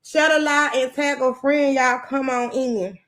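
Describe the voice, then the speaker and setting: A woman's voice: sits high, fairly even intonation, measured pace, a bit bright. A woman hosting a livestream who has not slept, ranting angrily and profanely while greeting viewers by name, speaking. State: sleepless. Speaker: podcast host on a livestream. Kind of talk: unscripted livestream rant.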